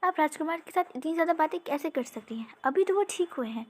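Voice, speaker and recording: A flustered court healer, insistent and worried about the patient's wound, as a woman puts the voice on. The voice stays high and pressing, pushing each question. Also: lively intonation, quick pace. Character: anxious, fussing court healer.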